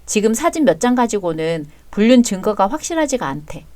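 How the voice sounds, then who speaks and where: A woman's voice: medium pitch, big pitch swings, a little fast, a little mellow, no room sound. Cold, clipped woman narrator. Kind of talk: dramatized story reading.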